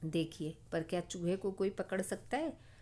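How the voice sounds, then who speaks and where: A middle-aged woman teacher explaining a children's story, expressive and asking her listeners questions. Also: fairly low pitch, unhurried.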